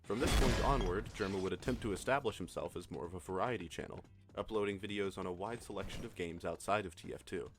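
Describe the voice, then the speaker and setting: A man narrating a scripted video essay in a measured storytelling manner. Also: low voice. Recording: narration over clear background music.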